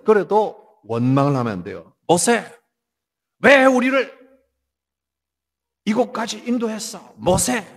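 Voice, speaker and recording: A Korean man preaching a sermon as pastor, acting out complaining voices in his examples. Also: high-pitched. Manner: animated, acts out complaining voices. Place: church.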